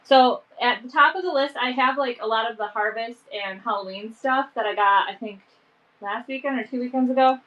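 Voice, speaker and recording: A woman with a fairly high, fairly bright voice runs a casual live vintage sale from home at normal speed. Her allergies leave her sounding stuffed and sniffly, and she peppers her talk with "um" and "like." The audio is muffled.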